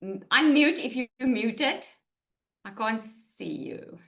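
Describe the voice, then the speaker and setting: A woman hosts a live online webinar over a video call, upbeat and chatty, calling her viewers "guys." Her voice is a little high, gravelly, pushed, and bright, with big pitch swings and a slow pace.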